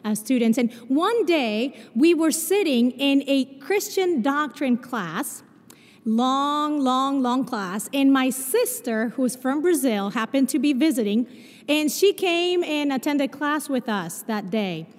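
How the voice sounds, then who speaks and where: High-voiced woman preaching with an accent. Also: animated, slow. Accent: Spanish and Portuguese mix. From Argentina. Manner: warm storytelling with self-deprecating humor. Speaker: chapel speaker. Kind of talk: sermon. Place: large chapel, live service. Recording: long reverb of a large chapel.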